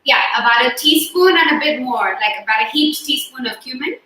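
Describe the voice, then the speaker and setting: A woman's voice: high voice, fairly quick, sharp tone. A woman hosting a live cooking demonstration from her kitchen. She talks through each step in a chatty, friendly way. She sits a little away from the phone or laptop mic, and her voice is heard through a heavy echo, like a big hall. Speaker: cooking host. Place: home kitchen on a video call. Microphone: phone or laptop mic set a little away from her. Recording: very echoey room with faint hiss.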